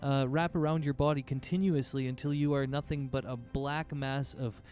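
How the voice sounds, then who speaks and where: A man's voice: medium pitch, steady tone, normal speed, a little mellow, faint music behind. A man working as game master, casually narrating a tabletop fantasy game and thinking aloud as he goes.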